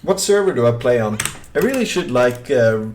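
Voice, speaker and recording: He's a young Swedish-accented streamer from the south of Sweden, chatting loosely as he plays and reads chat, wandering through thoughts with lots of fillers and restarts in a relaxed way. The mid-range voice is sing-song and darkish, at normal speed, over a little hiss or hum.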